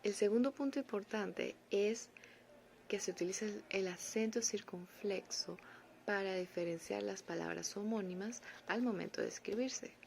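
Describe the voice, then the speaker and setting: A woman giving a casual online French lesson, explaining slowly and patiently with playful asides. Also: mid-range voice, gravelly, darkish tone, slight background noise. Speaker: French teacher.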